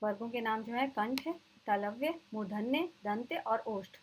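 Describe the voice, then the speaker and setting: A woman teacher giving an exam-prep lecture, explaining terms and slowly repeating them for her students. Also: on the high side, slight background noise, low-quality recording.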